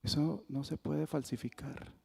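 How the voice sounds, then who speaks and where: A man's voice: fairly high pitch, measured pace, gravelly, breathy edge, in a large hall. A man with a Colombian accent, a pastor preaching a sermon and acting out the dialogue as he tells the story. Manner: lively storytelling that acts out the dialogue. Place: church sanctuary.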